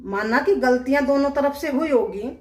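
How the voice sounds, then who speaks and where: A woman's voice: high-pitched, moderate pace, darkish tone, roomy sound. A woman vlogger giving indignant casual commentary, talking straight to her viewers with rhetorical questions. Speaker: vlogger commenting on a family dispute.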